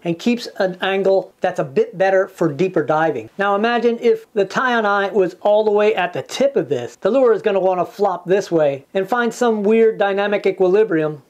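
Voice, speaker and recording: A man's voice: high-pitched, animated, moderate pace, few pauses, a little mellow. A man in his fifties explaining a lure build step by step in a home workshop, thinking aloud as he goes. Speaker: lure maker demonstrating a build. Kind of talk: workshop tutorial.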